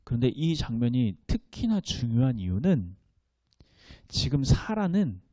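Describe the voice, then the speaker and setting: A man's voice: on the high side, moderate pace, no echo, clean studio sound. A man preaching a Sunday sermon as pastor, acting out quoted lines and leading the congregation in reading scripture aloud. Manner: animated preaching, acts out quoted lines in a voice of God and Sarah.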